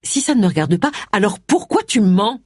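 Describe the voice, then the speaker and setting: Figure: a woman voicing a sharp-tempered, impatient lady. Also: mid-range voice, very animated, normal speed, slightly rough, no echo, clean studio sound, voice pushed up. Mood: needling.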